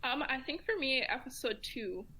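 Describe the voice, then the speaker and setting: A woman with a high, bright, husky voice guests on a podcast as a community commentator, animated and forceful yet reflective, thinking aloud at a normal speed in a casual round-table chat. The audio quality is poor.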